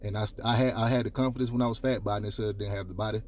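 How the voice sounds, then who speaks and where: A young man with a deep baritone voice, giving dating advice straight to camera in an emphatic, coaching way with casual swearing. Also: fairly even intonation, very fast, a little hiss or hum. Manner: coaching, emphatic, repeats points, casual profanity. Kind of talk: direct-to-camera advice talk.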